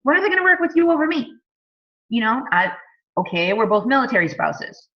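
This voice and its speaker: A woman's voice: a little high, very animated, a little fast, dull audio. A woman in her thirties, a fitness coach, giving a casual sales talk full of "like", "you know" and rhetorical questions. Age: 30s.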